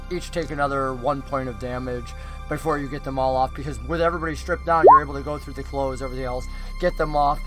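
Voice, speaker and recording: A man's voice: fairly high pitch, a bit bright, rough recording. A man improvising narration as game master of a tabletop game, conversational and descriptive.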